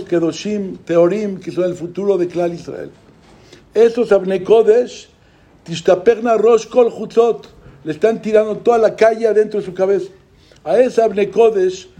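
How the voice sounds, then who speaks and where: High-voiced man giving a religious lecture. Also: dark tone. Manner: preaching with rhetorical questions. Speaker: religious speaker.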